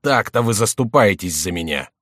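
A man's voice: fairly low pitch, expressive, normal speed, a bit bright, no echo, studio quality. A man voicing a distraught, hot-tempered male king in an audiobook, wailing and ranting. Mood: reproachful.

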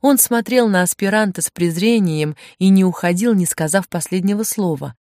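A woman reading a story aloud as narrator, in an even, measured way. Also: medium pitch, no echo, clean studio sound. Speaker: audiobook narrator.

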